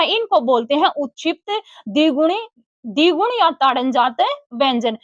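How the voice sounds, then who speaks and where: High-voiced woman teaching Hindi grammar. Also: a bit bright, no room sound, lo-fi sound. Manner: asks the class questions and answers them herself, calls students beta; slowly sounds out letters for the class.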